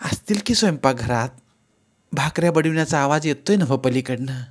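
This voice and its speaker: A man voicing a shy young village wife with a rural Marathi accent, speaking softly. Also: medium pitch, lively intonation, brisk, pitched above the performer's own voice, close to an everyday voice.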